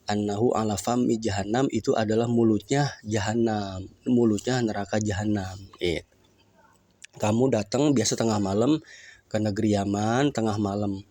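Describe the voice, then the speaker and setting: A man's voice: fairly low pitch, mellow, no echo. A man, a preacher telling a religious story in a casual way, reciting Arabic phrases and then explaining them.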